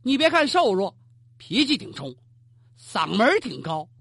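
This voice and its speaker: Animated, husky-voiced traditional storyteller. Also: medium pitch, unhurried. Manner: animated, colloquial, asides to the listener.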